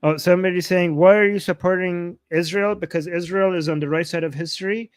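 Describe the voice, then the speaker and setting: On his live political reaction stream, an Iranian man with an Iranian accent argues insistently, repeating himself and throwing out rhetorical questions. His high-sitting voice is smooth and steady in tone, with a brisk delivery. The recording has no echo and clean studio sound.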